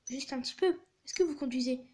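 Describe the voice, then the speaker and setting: Woman reading a scheming young delivery driver; brash, persuasive, high voice. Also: fast talker, darkish tone, slight background noise, lightly acted.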